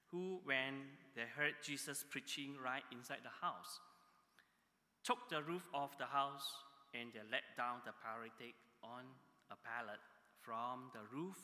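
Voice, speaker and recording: A man preaching a sermon, emphatic, pushing his pitch and volume up on key phrases. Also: bright, forceful tone, big-room sound.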